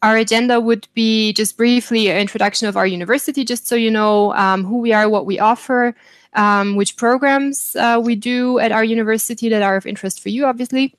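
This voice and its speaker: A woman's voice: fairly high pitch, steady tone, fairly quick, dry recording. A woman hosting a university webinar over a video call, friendly and speaking with frequent fillers. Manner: friendly, filler-heavy delivery. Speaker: webinar host.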